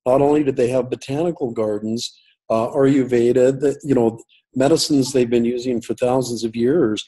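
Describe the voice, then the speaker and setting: Mellow, husky man telling a story. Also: medium pitch, steady tone, normal speed, low-quality recording. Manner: rambling, many fillers and restarts. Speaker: guest. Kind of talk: storytelling on a call. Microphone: call audio.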